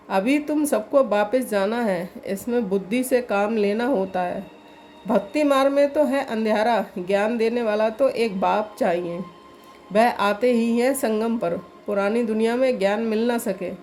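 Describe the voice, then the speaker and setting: A woman's voice: on the high side, a little mellow, slight background noise. Woman steadily reciting a spiritual reading. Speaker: reader of spiritual teachings.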